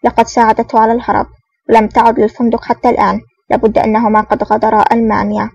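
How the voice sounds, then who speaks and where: A woman voices a suspicious male prison officer in a storybook reading, wary and probing. The voice is quick and high, with a breathy edge. It is dry, dull and sounds far from the mic. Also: little pitch movement, darkish tone, dry recording. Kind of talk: audiobook reading.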